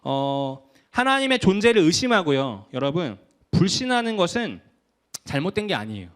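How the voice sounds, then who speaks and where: A man's voice: high voice, big pitch swings, normal speed. A young man preaching a casual youth sermon, talking conversationally and acting out what teens say. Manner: conversational, acts out quoted voices of teens. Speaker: youth pastor.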